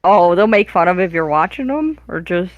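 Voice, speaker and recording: A woman's voice: lowish voice, lively intonation, dry recording. A woman co-hosting a casual podcast chat who tells stories giggling and at length. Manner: giggly, drawn-out storytelling. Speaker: podcast co-host. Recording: slightly dull, lo-fi sound.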